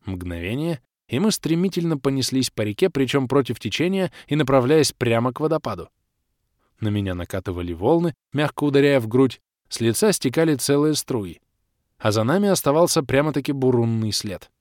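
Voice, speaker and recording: A man narrating a first-person fantasy audiobook in an expressive, animated way. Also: mid-range voice, a little fast, dry recording, clean studio sound.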